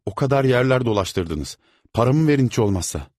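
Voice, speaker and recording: Guy doing a little crying kid begging, high and strained. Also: animated, moderate pace, a little mellow, dry recording, studio quality, natural voice. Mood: pleading. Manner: pleading, tearful. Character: crying young porter boy, begging.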